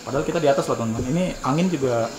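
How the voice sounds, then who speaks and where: Fast-talking man vlogging amid night insects. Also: mid-range voice. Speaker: host of night exploration vlog. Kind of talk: casual vlog narration. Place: school building at night. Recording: clear night insect noise behind.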